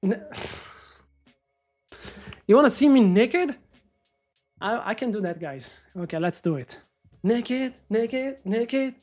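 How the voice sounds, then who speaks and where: A man doing live trading commentary on a stream, excitable and swearing as he talks to the market. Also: very high voice, takes it slowly, pauses often, highs cut off, faint music behind. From Morocco. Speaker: day trader live-streaming.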